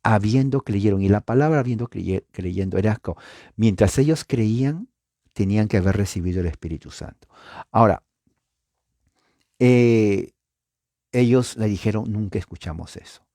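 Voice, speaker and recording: A man preaching a Bible teaching, talking to his listeners with rhetorical questions and sudden rises in pitch for emphasis. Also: normal speed, long pauses, clean studio sound. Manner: animated, pitch jumps up for emphasis and acted-out echoes.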